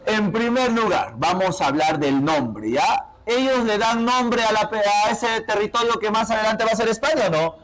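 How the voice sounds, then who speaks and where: A man with a notably high-pitched voice teaching a class with a Peruvian accent. He keeps the lesson moving with rapid questions and tag checks, prodding his students to speak up and answer. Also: expressive, a crowd in the background, rough recording. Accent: Peruvian Spanish.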